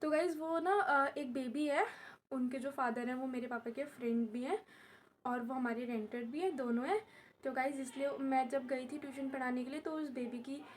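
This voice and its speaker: High-voiced young woman chatting to viewers. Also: moderate pace, slight background noise. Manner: chatty, repeats herself, addresses viewers as guys. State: unwell and in pain, lying down. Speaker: vlogger and tuition teacher. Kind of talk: casual vlog talk to camera. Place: at home while her mother does her hair.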